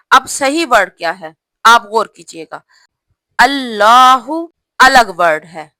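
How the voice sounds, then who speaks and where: Bright-voiced woman teaching prayer pronunciation. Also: on the high side, no room sound. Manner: slow, drawn-out demonstration of correct pronunciation; addresses listeners as sisters, corrective and explaining. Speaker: religious teacher. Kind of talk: instructional talk on prayer pronunciation.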